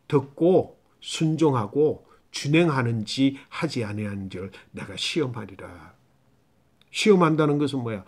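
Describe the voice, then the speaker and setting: A man's voice: fairly high pitch, a little mellow. A man preaching a Bible teaching sermon, asking the listeners questions and answering them himself, swinging between rising emphasis and dropped near-whispers. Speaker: pastor.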